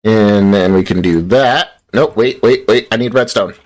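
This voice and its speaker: A man's voice: lowish voice, normal speed, darkish tone. A young American man from Utah chatting casually with his viewers while playing, rambling and playful, tired after a long work shift. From Utah, United States. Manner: rambling, playful, self-deprecating, talks to chat. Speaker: streamer. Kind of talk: casual live-stream chat while playing.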